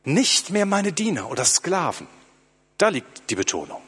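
Male preacher, husky voice, emphatic sermon delivery that slows for quoted lines. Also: fairly high pitch, very animated, fairly bright tone.

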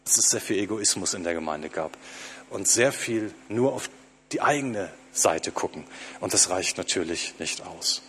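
A man preaching a sermon to his congregation, slowing down to stress quoted lines. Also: deep voice, expressive, fairly bright tone, a little hiss or hum.

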